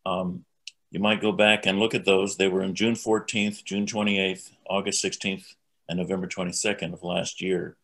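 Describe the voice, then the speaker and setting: An older man giving an earnest, deliberate talk at a spiritualist church. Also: low-pitched, little pitch movement, a bit bright. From United States. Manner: earnest, slow and deliberate, reads quotations aloud. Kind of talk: sermon-style talk.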